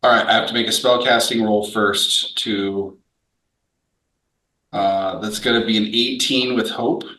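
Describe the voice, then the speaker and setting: Man, tabletop player, low bright voice, careful rules talk, echoey room. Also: steady tone, a little slow, distant mic. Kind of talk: describing his character's action in a tabletop game.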